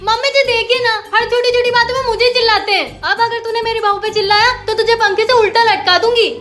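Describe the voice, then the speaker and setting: Young woman, very high voice, playful skit acting, music behind. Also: steady tone, fast talker, fairly bright tone. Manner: playful, switches between characters. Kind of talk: comedy skit role-play. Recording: background music.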